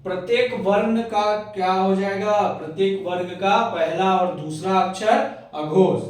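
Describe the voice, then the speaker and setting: Echoey, high-voiced male Hindi teacher. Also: steady tone, unhurried. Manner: repeats "clear hai?" and "hai na" often; spells out sounds one at a time. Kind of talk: classroom lesson. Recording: very echoey room, voice from a distance.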